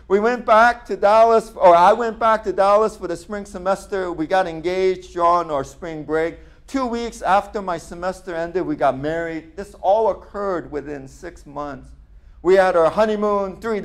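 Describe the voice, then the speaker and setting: Gravelly man preaching conversationally. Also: high voice. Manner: conversational, often drops to a near-murmur at phrase ends. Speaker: pastor. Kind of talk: sermon with personal storytelling.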